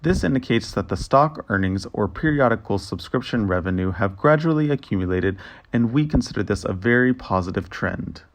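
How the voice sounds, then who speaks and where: A man giving a translation voice-over as interpreter, with a steady, formal reading of a financial results briefing. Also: on the low side, fairly quick.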